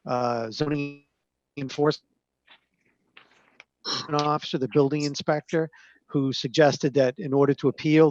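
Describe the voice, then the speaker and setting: A man on a video call, presenting application documents to a zoning board page by page in a measured, hesitant way with frequent fillers. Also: medium pitch, darkish tone, no room sound. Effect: heard over a video call. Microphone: computer microphone on a video call. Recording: dull, narrow-band call audio.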